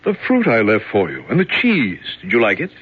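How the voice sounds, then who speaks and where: A breezy, falsely friendly jailer. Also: male voice, on the low side, wildly swooping pitch, fairly quick, slightly rough, full character voice. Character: brisk jailer fetching a prisoner. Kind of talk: 1970s radio drama acting. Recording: dull old radio broadcast.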